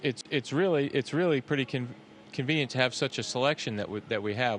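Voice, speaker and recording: A man speaking as an astronaut, giving casual, halting explanations in an interview. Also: medium pitch. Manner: halting, conversational. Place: aboard a space station. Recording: faint background hum.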